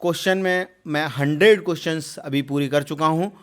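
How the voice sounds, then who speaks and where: Here a man tutoring for a computer exam goes over quiz answers, his voice sitting on the high side. Terms get said again and again amid hesitations and "jo hai" fillers, and each new question is read out loudly.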